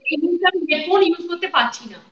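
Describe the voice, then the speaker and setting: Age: adult. Sex: woman. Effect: echoey empty rehearsal room, slightly dull sound. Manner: high, quick and bright on a live stream. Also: animated. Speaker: singer performing live. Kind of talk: casual live-stream chat. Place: empty unfurnished rehearsal room on a flat's top floor.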